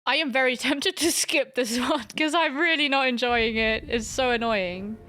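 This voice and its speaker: A woman's voice: sits high, normal speed, sharp tone, faint music behind. A young woman streaming a video game, chatting casually with her viewers and joking about her own failures. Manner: chatty, talks to chat and replies to their messages; frustrated, self-mocking banter. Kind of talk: casual live-stream chat while gaming.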